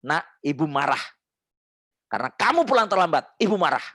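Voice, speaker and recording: A man's voice: high voice, sing-song, rapid-fire, pitched above the performer's own voice. A man voicing a worried mother who scolds her teenage child in an earnest, pleading way. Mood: concerned.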